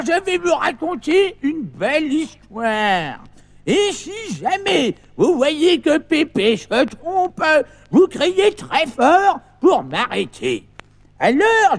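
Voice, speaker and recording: An actor playing a cheeky old grandfather on a children's record who keeps shouting greetings and jumbles up his stories. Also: very high-pitched, exaggerated voice. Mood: storytelling. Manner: repeats himself, shouts greetings, mixes up stories. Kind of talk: children's record comic acting.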